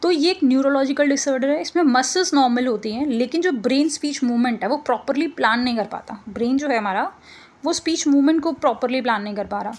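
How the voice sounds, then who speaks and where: High-voiced woman teaching an exam lesson. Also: quick pace. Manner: casual explanatory, mixes English terms, frequent "ठीक है" check-ins. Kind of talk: exam-prep lesson explaining slides.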